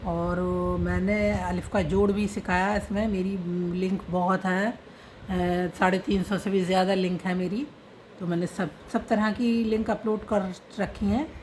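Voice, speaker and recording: A woman's voice: mid-range voice, flat delivery, unhurried, darkish tone, slight background noise. A woman teaching an online reading and writing lesson, patiently spelling out letters and their sounds one by one.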